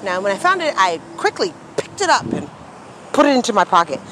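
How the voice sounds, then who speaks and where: A woman's voice: mid-range voice, big pitch swings, fairly quick. A slightly tipsy woman telling stories in a rambling, profane monologue while walking outdoors. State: a little tipsy. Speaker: podcast host. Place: outdoors on a city street. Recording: street noise with passing traffic.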